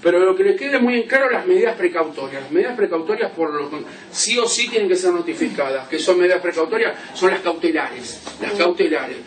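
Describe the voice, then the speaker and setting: A man's voice: high-pitched, animated, fairly quick, few pauses, a little hiss or hum. A male law lecturer, giving a classroom lecture and checking in with "¿sí?" as he explains through examples. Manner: explains with examples, asks "¿sí?" often. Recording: roomy classroom from a distance.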